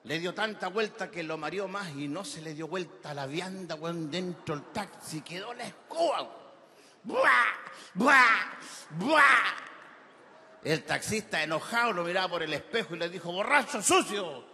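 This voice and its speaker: Man, Chilean accent, stand-up comedian, crude slangy jokes, high voice, long hall reverb, faint crowd noise. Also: brisk, few pauses, bright, forceful tone. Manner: crude, rambling joke-telling with slang. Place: large festival amphitheater stage. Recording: reverberant live venue with crowd ambience.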